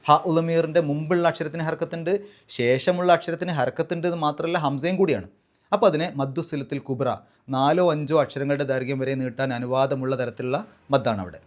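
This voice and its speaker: A man teaching Quran recitation rules in a patient, step-by-step way, slowly drawing out the recited words as examples. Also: a little high, fairly even intonation.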